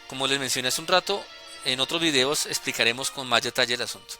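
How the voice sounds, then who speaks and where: Bright-voiced man teaching music notation. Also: medium pitch. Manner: deliberate, with hesitations and self-corrections.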